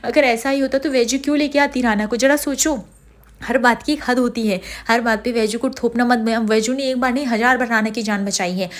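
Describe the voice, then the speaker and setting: A woman's voice: fairly high pitch, fairly even intonation, a little fast, close to an everyday voice. A woman voicing a family woman who sternly scolds the others, in her own voice. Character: firm family woman defending her daughter-in-law.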